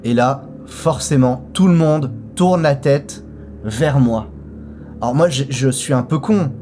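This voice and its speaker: A man telling a story in a casual vlog, lively and colloquial, and speaking straight to his viewers. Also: medium pitch, slow, soft background music.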